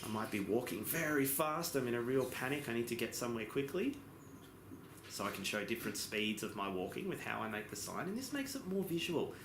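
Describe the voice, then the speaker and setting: A man giving a simultaneous interpretation as voice-over for a lesson, explaining in phrases with pauses and occasional self-corrections. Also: mid-range voice, big pitch swings. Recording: echoey room with background noise.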